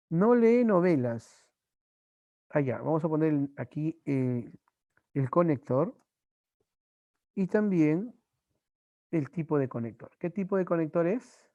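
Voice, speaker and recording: A male teacher from Peru giving an online language class, slowly repeating examples and his students' answers. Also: fairly high pitch, dark tone, no echo, dull audio.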